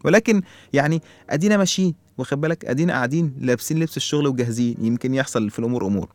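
Egyptian male host, very fast comic monologue, chuckles and rhetorical questions. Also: mid-range voice, darkish tone, dry recording. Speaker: radio show host.

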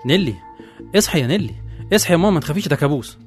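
A man's voice: on the high side, expressive, racing, soft background music, lightly acted. A man with an Egyptian Arabic accent acting a teasing, caring young husband in an audio drama. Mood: soothing. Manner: joking, then soothing.

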